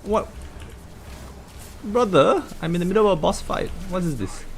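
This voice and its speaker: On a casual gaming livestream, a man from Singapore speaking Singaporean English jokes, curses, and cries out frequently as he comments on play. His high-pitched voice is creaky and moderately paced, with slight background noise.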